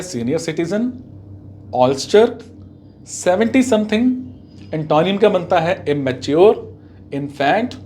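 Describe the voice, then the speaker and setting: A man teaching vocabulary, speaking slowly and deliberately and repeating words for pronunciation. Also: high voice, darkish tone, a little hiss or hum. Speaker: English teacher. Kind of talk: vocabulary lesson.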